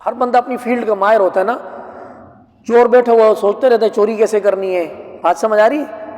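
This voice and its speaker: A man with a notably high voice retells scripture as a lively story, stopping often to ask his listeners whether they follow. His lecture rings with a long reverb, as if in a large hall. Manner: lively storyteller, asks listeners rhetorical questions. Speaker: Quran teacher. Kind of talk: storytelling Quran commentary lecture.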